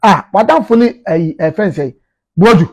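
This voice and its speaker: Speaking at normal speed with lively intonation, a man in his thirties with a Ghanaian accent offers informal media commentary to camera, repeating phrases emphatically. His voice sits high, and he's in a small indoor office.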